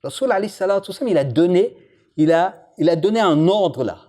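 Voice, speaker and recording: A man's voice: high-pitched, fairly quick. A man giving an informal religious lesson, joking with the audience and putting questions to it. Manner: lively, jokes with and questions the audience. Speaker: imam teaching a religious lesson.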